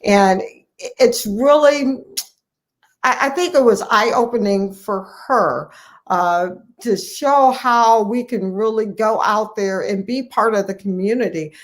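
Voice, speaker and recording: A family physician from Ohio in the United States speaks as an interview guest in a slow, mid-range voice. She sounds conversational and earnest, pressing her points firmly and often repeating a phrase for emphasis.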